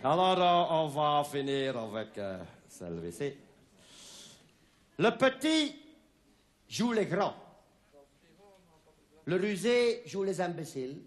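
A man tells jokes in a slow, halting way, restarting his lines and chuckling to himself. His voice sits a bit high and leaps up and down. He plays to a small audience. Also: very animated. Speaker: stand-up comic. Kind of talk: amateur comic monologue with jokes.

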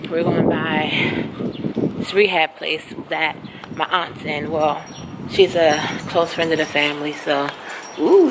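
A woman chatting casually to her vlog viewers in a playful, talkative way. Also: sits low. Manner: chatty, playful, uses "y'all". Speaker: vlogger. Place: car and shops. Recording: noisy phone recording.

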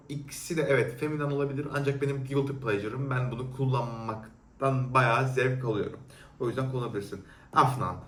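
A man's voice: medium pitch, distant mic. A young man answering viewer questions in casual talk, blunt and teasing as he reviews perfumes off the cuff. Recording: roomy echo, a little off-mic.

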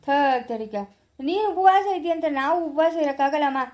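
A woman's voice: sits high, expressive, a little fast, a little mellow. A woman playing an impatient grown daughter who scolds and mocks, with a rural Chikkaballapura Kannada accent. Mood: scolding. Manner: scolding, mocking.

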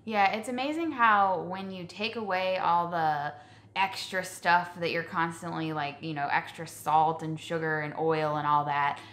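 A woman's voice: on the low side, steady tone, measured pace, a bit bright. A woman co-hosting a food vlog, chatting casually with many ums and likes. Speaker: vlog co-host. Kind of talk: casual chat. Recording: echoey room.

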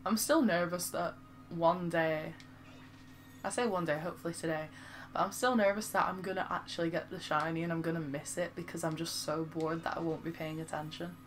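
A woman's voice: fairly low pitch, fairly even intonation, brisk, a little hiss or hum. Chatty Lancashire woman streaming a game. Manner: chatty and self-mocking, reads viewer comments aloud. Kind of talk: casual live-stream chat.

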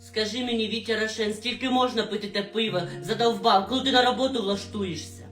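A woman's voice: medium pitch, steady tone, fairly quick, reverberant, far from the mic, soft background music, lightly acted. A woman voicing a fed-up pregnant young wife who scolds in an exasperated way. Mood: scolding.

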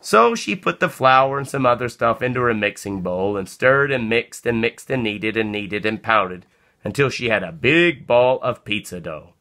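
A man with a mid-range voice reads a children's story aloud as the narrator. His phrasing is expressive and deliberate, like a storybook reader.

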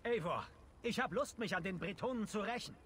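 A man's voice: high voice, a little fast, a bit bright, slight background noise. A man voicing an eager, vengeful Viking warrior in a German game dub.

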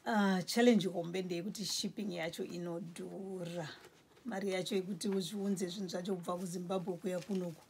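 In a casual interview in Shona, a storekeeper in her forties with a Zimbabwean accent walks through her small grocery shop, slowly naming products while pointing out the shelves. Her voice is fairly low, steady, darkish, and a little rough.

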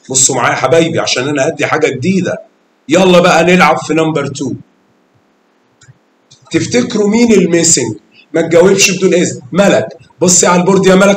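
A man with a fairly high voice and an Egyptian Arabic accent teaches math to a class of children, drawing them out with questions and calling pupils by name with terms of endearment. There's a little hiss or hum, and the classroom sounds echoey.

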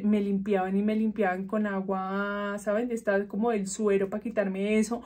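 Young woman vlogger, slightly high voice, dramatic and chatty storyteller. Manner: animated, dramatic retelling with vivid exaggeration. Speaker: beauty vlogger. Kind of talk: casual storytelling to viewers.

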